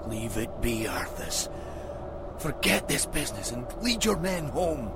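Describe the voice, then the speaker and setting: An actor playing a gruff, loyal older dwarf warrior in a fantasy video game, hearty, blunt and wary. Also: male voice, medium pitch, very animated, measured pace, heavy background noise. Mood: urgent warning. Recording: music behind the voice.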